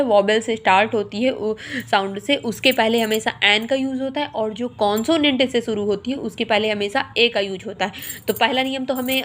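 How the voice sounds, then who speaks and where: Lady teacher w going over grammar slow, spells stuff out, kinda high voice. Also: a bit bright. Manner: slow, repetitive explaining, spells words letter by letter. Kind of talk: Hindi grammar lesson explaining English articles.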